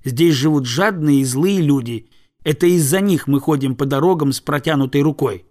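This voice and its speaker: A man voicing a poor little beggar girl in a storybook reading, pitched higher and pleading. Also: normal speed, a little mellow, natural voice. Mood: wary.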